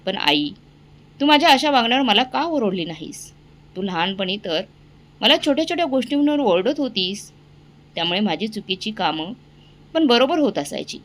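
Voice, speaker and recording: A woman's voice: medium pitch, sing-song, moderate pace, fairly bright tone. Give me a young man pleading with his parents, as a woman reads him. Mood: remorseful. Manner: pleading, emotional. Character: remorseful grown son, young man.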